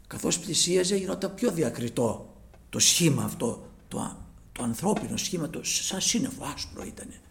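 A man preaching a sermon, moving from quiet storytelling to loud fervent peaks. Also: fairly high pitch, lively intonation, gravelly. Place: church broadcast live.

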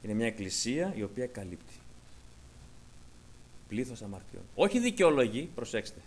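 A man preaching a sermon, rising to fervent raised passages and dropping to hushed near-whispers, acting out quoted voices as he goes. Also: mid-range voice, very animated, a little hiss or hum.

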